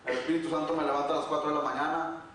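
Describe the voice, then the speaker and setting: High-voiced preacher in echoey church. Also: male voice, little pitch movement, rapid-fire, a bit bright. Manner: repetitive storytelling, earnest. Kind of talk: sermon testimony. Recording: very echoey, from far off.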